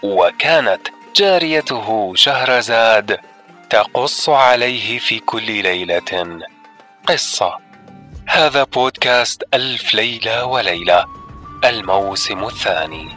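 Male storyteller, traditional Arabic folk-tale opening, scripted narration, bright forceful voice, music behind. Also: on the low side, animated, a little slow. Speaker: podcast intro narrator.

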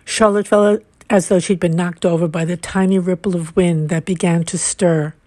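A woman narrating a mystery novel aloud in a measured, unhurried reading. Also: fairly low pitch, steady tone, a little mellow, no room sound. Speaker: audiobook narrator. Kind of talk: scripted narration.

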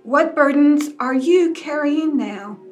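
A woman reading a Good Friday scripture passage and leading prayers in a slow, gentle, reflective way. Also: high-pitched, soft background music, poor audio.

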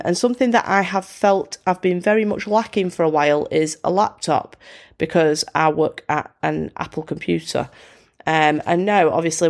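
Her voice is low and creaky, thick with congestion, as she hosts a laid-back solo podcast. The British host comes across as cheerful and quick to poke fun at herself.

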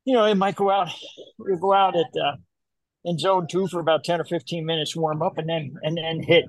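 A man's voice: on the high side, steady tone, a little fast, dry recording, low-quality recording. An older man, a running coach, talking casually in an interview, rambling and repeating the starts of his phrases.

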